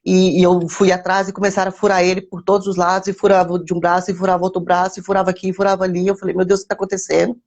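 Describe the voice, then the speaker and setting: Gravelly woman telling her testimony. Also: fairly low pitch, flat delivery, very fast, hardly any pauses, a little mellow, highs cut off. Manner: repeats words and phrases for emphasis; addresses viewers by name mid-story. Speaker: woman sharing a faith testimony with live viewers. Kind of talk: personal testimony, casual storytelling.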